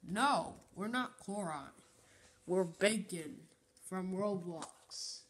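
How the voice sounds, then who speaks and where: A woman doing a creepy Roblox killer, elderly granny manner, singsong, unhurried, homemade toy skit. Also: on the low side, slight background noise. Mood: creepy, insistent. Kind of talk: homemade toy puppet play.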